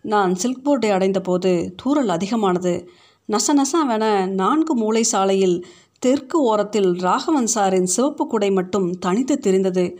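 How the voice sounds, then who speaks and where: A woman narrating a short story in a steady, reflective reading voice. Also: medium pitch, measured pace. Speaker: story reader. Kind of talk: scripted narration.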